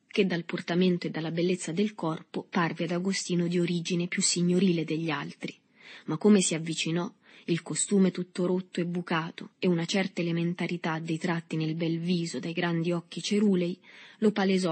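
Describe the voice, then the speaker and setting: A woman narrating a novel with a steady literary reading. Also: fairly low pitch, moderate pace, breathy edge.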